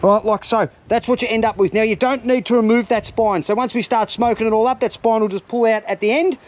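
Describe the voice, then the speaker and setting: A man's voice: high-pitched, fairly even intonation, fairly quick, a little hiss or hum. An Australian man hosting a fishing and cooking vlog, chatting casually and upbeat to his viewers. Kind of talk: casual outdoor vlog commentary.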